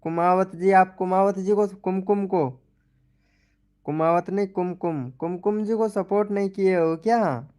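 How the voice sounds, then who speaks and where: A young man hosts a casual live stream, reading out viewer comments and teasing people by name. His voice sits a little high and comes through smooth and clear. He talks in a loose, repetitive way, going back over the same phrases. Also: steady tone, measured pace, darkish tone. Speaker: live stream host promoting channels.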